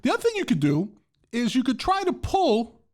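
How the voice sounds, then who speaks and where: A man co-hosting a casual comedy chat, giving mock-serious advice in an animated way. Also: extremely high pitch, a little fast. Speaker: podcast co-host.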